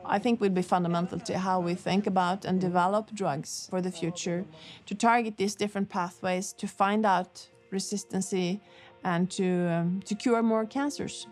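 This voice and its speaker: A woman's voice: fairly low pitch, steady tone, normal speed, a little mellow, faint music behind. A woman, a cancer researcher, giving a reflective interview answer.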